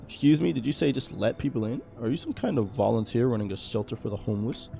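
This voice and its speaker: A man's voice: mid-range voice, lively intonation, fast, gravelly, mellow, faint music behind. Give me a man playing a prim, nerdy male renter, indignant and uptight.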